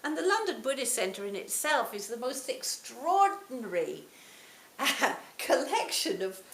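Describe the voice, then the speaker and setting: A woman in her sixties giving a reflective Buddhist talk to a retreat audience, her phrases often trailing off softly. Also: high-pitched, big pitch swings, measured pace. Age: 60s. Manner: reflective, warm storytelling with soft trailing phrase ends. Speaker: Buddhist teacher. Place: retreat hall. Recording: roomy hall, faint hiss.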